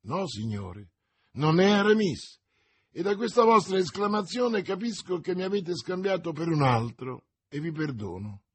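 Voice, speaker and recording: A man reading aloud, voicing a calm foreign nobleman who speaks with cool authority. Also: high voice, unhurried, slightly rough, no echo, pitched above the performer's own voice, exaggerated voice.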